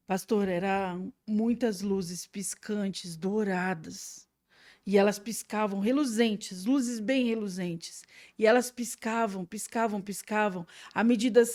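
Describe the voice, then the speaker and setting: A woman's voice: mid-range voice, no echo, clean studio sound. Brazilian woman telling an emotional testimony. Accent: Brazilian Portuguese. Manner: vivid storytelling, swinging between hushed and loud. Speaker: guest sharing a testimony.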